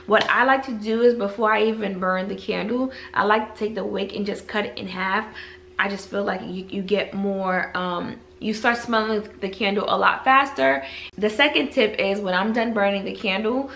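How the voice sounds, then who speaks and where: A young woman in her twenties, a beauty vlogger, gushes enthusiastically over candles in a casual home haul video filmed in her living room. Her mid-range voice moves at a moderate pace, creaky and fairly bright. There's a little hiss or hum in the background.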